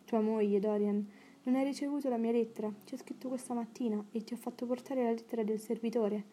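A worldly, witty English aristocrat, voiced by a woman reading an audiobook speaks in an urbane, calmly persuasive way. The tone is mellow and dark and stays fairly level, a little high for his kind. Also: brisk, a little hiss or hum, natural voice.

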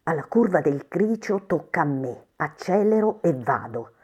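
A woman's voice: deep voice, very animated, measured pace, darkish tone, husky, exaggerated voice. A woman voicing the inner thoughts of a strong, proud male racehorse in a storybook reading. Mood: resolute.

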